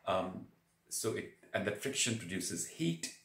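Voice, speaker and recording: Low-voiced man teaching in an echoey room. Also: sing-song, measured pace, a bit bright, a little hiss or hum. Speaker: yoga breathing teacher. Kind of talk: spoken instructional lesson. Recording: roomy echo on the voice.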